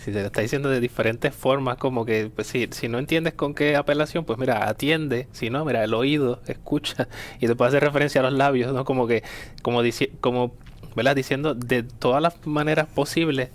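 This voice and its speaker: A man with a middle-pitched voice talks loosely on a radio show, reflecting on faith. He strings thoughts together with many fillers and short chuckles. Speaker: radio co-host. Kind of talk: casual reflective radio talk.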